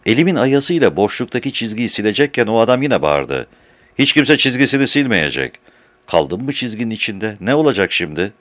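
Low-voiced man reading a story aloud. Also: fairly quick, hardly any pauses, dry recording. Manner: animated, varying voice for each character. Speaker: narrator.

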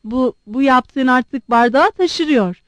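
A woman's voice: sits high, slow pace, no echo. A woman playing an indignant mother. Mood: outraged. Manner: outraged exclamations.

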